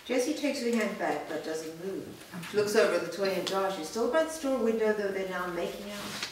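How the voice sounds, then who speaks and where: Stage directions from a script are read by a woman during a staged reading, her voice mid-range, animated and at an ordinary pace. A distant microphone picks her up in an echoey room with faint noise.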